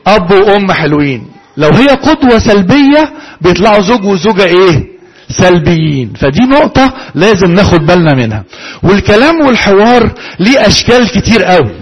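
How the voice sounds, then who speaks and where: A man with an Egyptian Arabic accent lectures a room, his high voice carrying a husky, breathy grain. He keeps putting questions to his listeners and then answering them himself. The delivery has the steady rhythm of a classroom talk. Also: a little fast, rough recording. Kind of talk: interactive lecture to a live audience.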